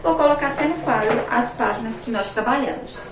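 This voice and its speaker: A Brazilian woman teacher giving a remote lesson to young children, drawing out each word slowly as she pronounces it. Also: fairly high pitch, background noise. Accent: Brazilian Portuguese. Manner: slow, drawn-out pronunciation of words for children. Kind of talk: remote primary-school lesson. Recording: echoey room, voice from a distance.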